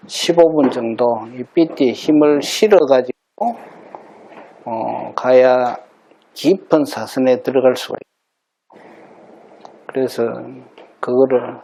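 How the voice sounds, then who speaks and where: Mellow-voiced man giving a dharma talk. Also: mid-range voice. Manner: explanatory, repeats key terms for emphasis. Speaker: Buddhist dharma teacher.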